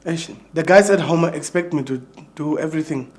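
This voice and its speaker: A man's voice: on the high side, normal speed, darkish tone, natural voice. An actor playing a weary, exasperated man who is welcoming mourners after his uncle's death. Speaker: bereaved nephew hosting mourners.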